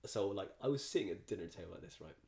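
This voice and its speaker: Man, comedian guest, fairly low voice, rambling storyteller, casual podcast chat. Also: expressive, very fast, gravelly, a little mellow. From Ireland. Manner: rambling, storytelling with many restarts.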